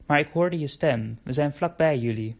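A man's voice: a little high, moderate pace, creaky. A man voicing a playful, teasing little short-legged dog in a storybook.

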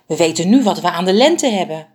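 A woman's voice: on the low side, expressive, fairly quick, a little mellow, lightly acted. A woman voicing an anxious, plump female bird in a storybook, unsure and pleading.

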